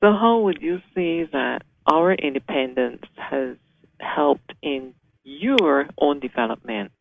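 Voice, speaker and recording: A man's voice: on the high side, lively intonation, slow pace, gravelly. A man hosting a radio interview, talking enthusiastically and emphatically. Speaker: radio host. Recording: phone-like radio sound.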